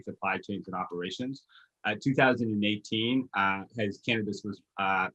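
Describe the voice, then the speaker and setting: A man's voice: lowish voice, pushed and bright, poor audio. A man from Uganda, explaining his background steadily to an interviewer over a video call from home. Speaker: guest, recruiter and author. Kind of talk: casual interview chat. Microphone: video call webcam.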